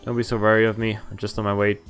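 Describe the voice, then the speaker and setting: Racing along in a level, slightly bright voice on the low side, a man reads a visual novel's narration and dialogue aloud while streaming it. His reading is casual and lightly acted, dotted with offhand reactions, over background game music.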